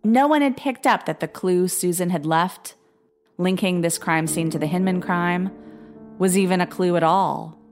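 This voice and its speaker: Female true-crime narrator, low voice, grave and steady, light music bed. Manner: measured, grave storytelling with quoted voices. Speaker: podcast narrator.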